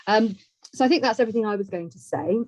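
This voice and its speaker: A woman hosting an online webinar runs through informal housekeeping in a chatty, organised way over a video call. Her medium-pitched voice is a little mellow and quick, heard through a video call microphone with roomy, dull audio.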